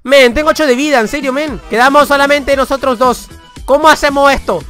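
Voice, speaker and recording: A young man with a Rioplatense Spanish accent giving crude, excitable, boastful commentary over gameplay. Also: very high voice, brisk, faint music behind. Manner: excitable, crude, playfully boastful, bursts into shouts and laughs. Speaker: gaming YouTuber.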